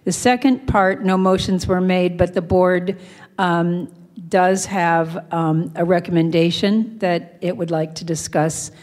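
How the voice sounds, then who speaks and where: A woman giving an informal report as a board officer, halting and self-deprecating, with a joking streak. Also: fairly low pitch, fairly even intonation, darkish tone. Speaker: board vice president presiding over meeting. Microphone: handheld microphone.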